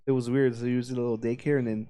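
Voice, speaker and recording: A man's voice: mid-range voice, level tone, racing, dark tone, clear, resonant tone. A man in his thirties co-hosting a casual podcast and telling rambling, profane stories. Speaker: podcast co-host. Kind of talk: casual drunken chat.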